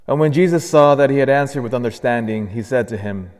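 A man's voice: medium pitch, quick pace. A man, a priest, reading the gospel and preaching with earnest, emphatic repetition, his voice ringing with a long cathedral-like church echo. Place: large church.

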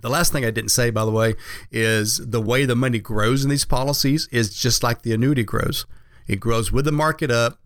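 Male financial advisor, mid-pitched, conversational radio explaining, folksy, dry close recording. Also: steady tone, normal speed, fairly bright tone, no room sound.

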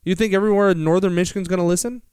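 High-voiced American man hosting, clean and close. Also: fairly even intonation, rapid-fire, a little mellow, clear, resonant tone, no echo. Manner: asks rhetorical questions, emphatic repetition. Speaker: financial radio show host. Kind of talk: conversational financial explanation.

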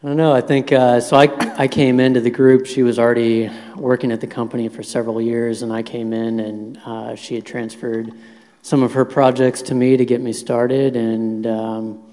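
A man's voice: medium pitch, little pitch movement, normal speed, warm tone. A man from Indiana answering interview questions in an easygoing, hesitant way. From Indiana, USA. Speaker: interview guest, engineer. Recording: reverberant hall.

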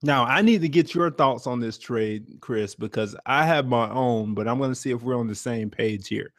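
A slangy, animated man co-hosts a podcast, chatting casually about sports in a mid-range voice at normal speed. The recording is clean studio sound with no echo.

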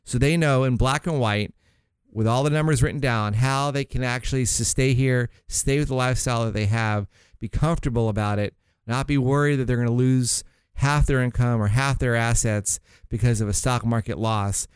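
A man hosts a money show on talk radio and talks listeners through retirement plans. His delivery is loose and rambling, and he often doubles back on words. The voice is smooth and clear, recorded close and dry. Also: medium pitch, normal speed, dry recording.

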